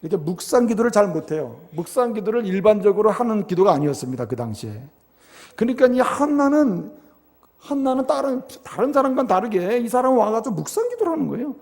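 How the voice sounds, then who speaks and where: A male pastor preaches a sermon in a church sanctuary, emphatic and animated, frequently turning to the congregation with quick rhetorical asides. His voice is high-pitched and carries through a large hall.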